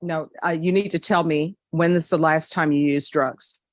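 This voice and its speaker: A woman's voice: deep voice, fairly even intonation, no room sound. A woman judge speaking firmly and directly at a courtroom hearing, addressing defendants. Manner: firm, measured, direct.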